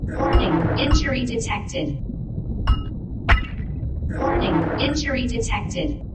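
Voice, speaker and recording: A woman voicing a calm ship computer that gives flat, even warning announcements over the system. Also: on the high side, slow. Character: calm female submarine computer voice. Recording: echoey, distant, loud engine noise.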